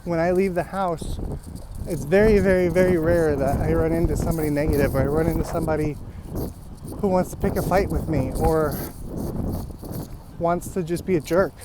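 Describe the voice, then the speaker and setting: A man speaking earnestly and encouragingly in a halting, motivational walk-and-talk vlog, recorded outdoors. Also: on the high side, steady tone, very noisy. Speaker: vlogger. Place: outdoors, walking in rainy weather.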